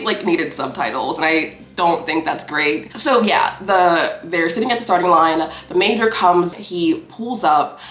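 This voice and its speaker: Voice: mid-range voice, fairly bright tone. Casual, petty movie reviewer in an echoey room. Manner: rambling, cursing, playfully petty. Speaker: film reviewer.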